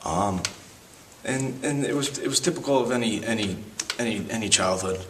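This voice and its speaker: Twenties connecticut guy, low but bright sharp voice, casual reminiscing. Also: moderate pace, distant mic, slight background noise, low-quality recording. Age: 20s. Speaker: interviewee. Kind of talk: documentary testimony.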